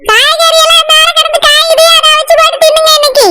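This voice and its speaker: A woman voicing a bossy, sharp-tongued village wife in a cartoon, shrill and commanding in a Kanyakumari accent. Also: little pitch movement, quick pace. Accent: Kanyakumari Tamil. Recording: loud background noise.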